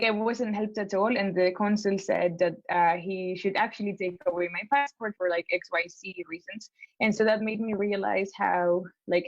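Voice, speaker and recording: A young woman from Spain who is applying to law school talks through her plans on a casual consultation call, hesitating often with fillers and restarts. Her voice is medium-pitched, with no echo and the highs cut off.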